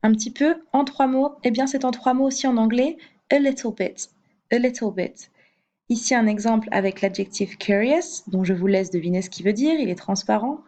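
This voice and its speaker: A woman's voice: on the high side, fairly quick, hardly any pauses, warm tone. Patient woman teaching a grammar lesson. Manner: patient, repeats each example twice; fillers and hesitations. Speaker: English teacher.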